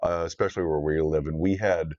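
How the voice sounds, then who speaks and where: Male co-host, very deep voice, laid-back and filler-heavy, muffled stream audio. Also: quick pace. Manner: relaxed, many ums and uhs. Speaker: gardening live stream co-host. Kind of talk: casual chat.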